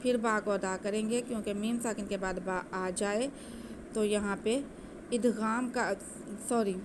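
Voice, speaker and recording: A woman teaching Quranic recitation, patiently explaining each letter and then chanting the words slowly. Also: medium pitch, fairly even intonation, background noise.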